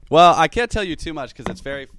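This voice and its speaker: A man's voice: fairly high pitch, lively intonation, fast, fairly bright tone, a little hiss or hum. A man from North Carolina, a band member, chatting casually as a guest in an easygoing, hesitant way, full of fillers. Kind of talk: casual chat.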